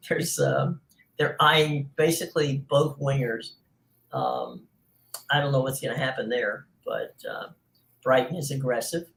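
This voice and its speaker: A man's voice: medium pitch, wildly swooping pitch, a little slow, a bit bright, rough recording. A man hosting a casual sports talk show, rambling with many fillers.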